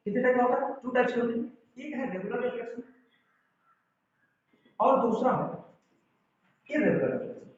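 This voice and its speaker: A man's voice: extremely high pitch, brisk, pauses often. A man teaching a physics lesson, explaining step by step and checking with students. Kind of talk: classroom lecture. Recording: echoey room, far from the mic, dull sound.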